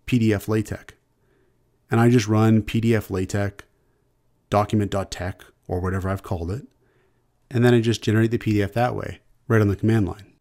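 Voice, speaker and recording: Low, mellow Canadian man lecturing. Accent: Canadian English. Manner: relaxed, conversational explaining with repeated restarts. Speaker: university instructor. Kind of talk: screencast lecture.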